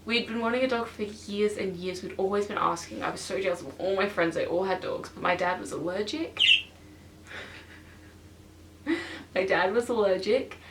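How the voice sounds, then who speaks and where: A teenage girl chatting to camera for her vlog, excitable and full of fillers, filmed on a stationary camera in her bedroom. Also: mid-range voice, normal speed, long pauses, slight background noise. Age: teens. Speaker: vlogger. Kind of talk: casual chat to camera. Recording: roomy and distant from the camera.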